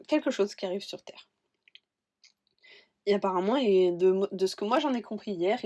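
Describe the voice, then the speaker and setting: A woman's voice: mid-range voice, a little mellow. A woman book vlogger in casual chat, rambling and talkative about what she is reading. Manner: rambling, chatty, admits she talks too much.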